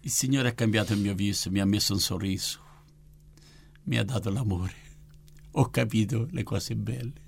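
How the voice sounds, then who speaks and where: An older man from Italy, a missionary and orphanage founder, telling his faith testimony as a fervent, lively storyteller. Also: lowish voice, normal speed, vocal fry, pauses often, slightly rough.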